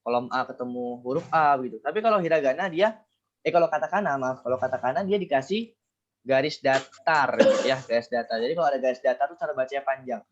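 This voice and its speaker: A man's voice: mid-range voice, fast, highs cut off, a little hiss or hum. A man teaching a Japanese class online, explaining step by step and often correcting himself.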